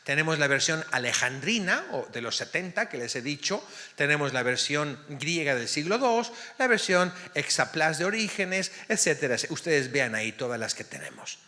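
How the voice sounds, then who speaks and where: A man's voice: on the high side, sing-song, normal speed, sharp tone. A man, a priest, leading a parish Bible study class, often checking in with his listeners to see that they follow. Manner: keeps checking in with the class, asking "ok?". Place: parish hall or church classroom. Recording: long reverb of a church hall.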